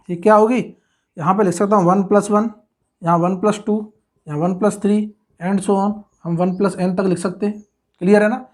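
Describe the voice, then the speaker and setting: A woman's voice: medium pitch, a little mellow. Woman teaching a lecture, checking in constantly. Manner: keeps asking the class if it is clear, answers own questions; mixes English terms into Hindi. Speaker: engineering math tutor. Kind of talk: exam-prep blackboard lecture.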